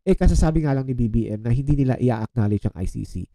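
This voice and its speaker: A man's voice: mid-range voice, quick pace, dry recording, rough recording. Guy ranting about politics on his vlog, voice jumps all over, super dry close sound. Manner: animated, switches between Tagalog and English; addresses viewers as "mga chong". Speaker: political commentary vlogger. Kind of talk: casual political rant.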